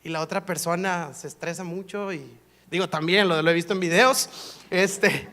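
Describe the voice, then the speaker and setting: A pastor preaching a sermon, telling a personal story in a lively, playful, self-mocking way. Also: male voice, high voice.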